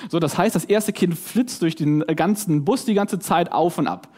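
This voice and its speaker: A man's voice: on the high side, moderate pace. A man preaching a conversational sermon, often asking "ja?" and "ne?", and acting out short scenes in his examples. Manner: lively, conversational, acts out voices in his examples; tag questions "ja?" and "ne?".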